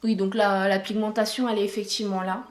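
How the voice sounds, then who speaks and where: A woman's voice: mid-range voice, level tone, fast talker, roomy sound. A woman chatting casually through a product review vlog, talking with many fillers and restarts into a camcorder microphone.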